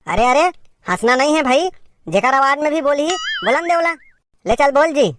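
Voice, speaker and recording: A woman's voice: high voice, animated, normal speed, noisy background. A woman with a Chhattisgarhi accent performing a comedy sketch as a bossy teacher who scolds and directs her pupils.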